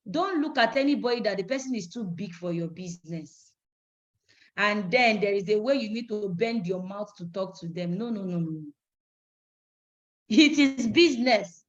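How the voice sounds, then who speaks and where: A woman's voice: fairly high pitch, fairly bright tone. A woman with a Nigerian English accent giving a motivational sales training talk, emphatic and preachy, acting out phone calls as she teaches. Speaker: business trainer. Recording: dull lo-fi recording.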